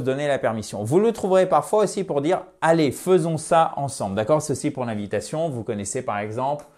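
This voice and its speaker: Guy teaching english online, explains step by step, slows right down on the english words. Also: mid-range voice, darkish tone. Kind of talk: online language lesson.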